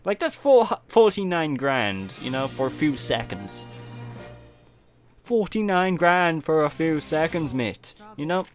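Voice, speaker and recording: Animated Welsh man commentating a game. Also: on the high side, unhurried. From Wales. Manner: chatty, animated, prone to silly put-on voices. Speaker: gaming channel host. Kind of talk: let's play commentary. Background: game music and sound effects.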